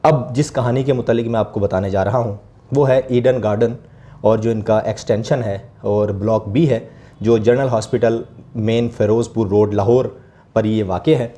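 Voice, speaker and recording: A man's voice: fairly low pitch, fairly even intonation, normal speed, warm tone. A man, presenting an earnest, emphatic investigative report and questioning a guest as host.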